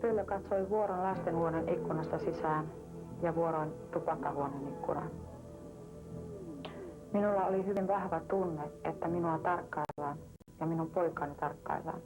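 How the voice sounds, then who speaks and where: A woman giving a calm, plain first-person account of an experience for a documentary. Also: low voice, poor audio. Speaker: woman recounting an abduction experience. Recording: voice with music playing behind.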